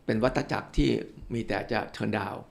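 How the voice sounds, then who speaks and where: A man's voice: lowish voice, normal speed, vocal fry, darkish tone. An older male physician from Thailand, a guest in an interview, explaining with worked examples and politely addressing the listeners.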